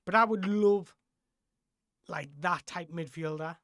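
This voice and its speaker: On a football live stream, the host answers viewer questions in relaxed, rambling chat, often stopping mid-sentence to rephrase. His voice is middle-pitched, slow and fairly bright. It's recorded close and dry, with no room echo.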